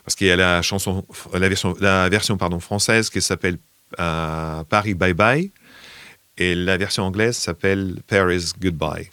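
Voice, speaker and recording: A man's voice: sits low, fairly even intonation, moderate pace, bright, forceful tone, smooth, dry recording. A man, a singer, answering interview questions about his album hesitantly, with many fillers and a recurring "comme on dit".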